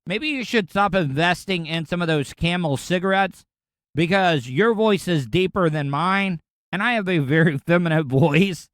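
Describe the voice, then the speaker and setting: On his podcast, a sarcastic Florida man rants his way through the news in a rambling, indignant, casual commentary. His voice is slightly high for a man and a bit bright, and he speaks at a moderate pace. The recording is dry and close, with no room sound.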